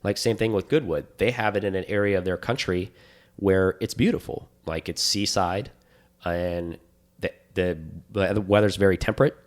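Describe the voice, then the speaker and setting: Deep-voiced enthusiastic man chatting. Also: moderate pace. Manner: enthusiastic, rambling, animated storytelling. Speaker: podcast co-host. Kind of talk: casual chat.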